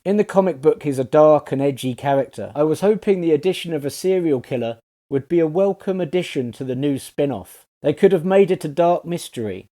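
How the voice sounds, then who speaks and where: A man's voice: a little high, lively intonation, fairly quick, hardly any pauses, dark tone. Sarcastic man ranting in a review. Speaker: TV series reviewer. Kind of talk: scripted review voice-over.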